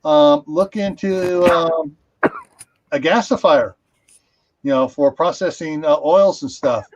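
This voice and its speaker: A man's voice: fairly high pitch, takes it slowly, dull audio, noisy background. A man hosting a casual livestream, rambling with many fillers and restarts, speaking over a video call. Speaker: livestream host.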